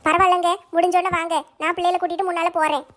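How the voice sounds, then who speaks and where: Fast high-pitched woman in a family skit. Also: little pitch movement, fairly bright tone.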